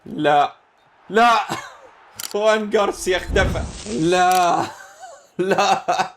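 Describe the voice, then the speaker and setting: A young man with an Egyptian accent commentating his football video game, excitable and exclamatory as he reacts to plays. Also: high voice, slow pace, slight background noise. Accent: Egyptian Arabic. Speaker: gaming channel host.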